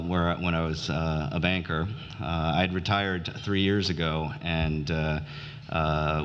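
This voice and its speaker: Middle-aged guy giving a speech, lots of uhs, deep flat voice, dull echoey hall sound. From United States (grew up in New Orleans). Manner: hesitant, many "uh" fillers and restarts. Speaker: conference speaker. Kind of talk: conference speech. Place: conference hall.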